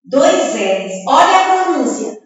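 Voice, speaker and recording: A woman teaching a remote first-grade reading lesson to young children, sounding out words slowly, syllable by syllable, in a drawn-out sing-song way, recorded from a distant camera mic in an echoey room. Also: high-pitched, very animated. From Brazil.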